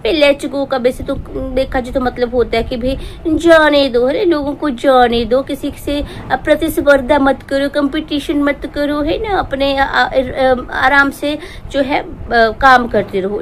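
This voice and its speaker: A woman doing a jealous, scheming vlogger who rambles in a high, sarcastic voice and slips into fake tears. The comic parody monologue has a faint hiss of noise behind it. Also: measured pace. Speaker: parody performer.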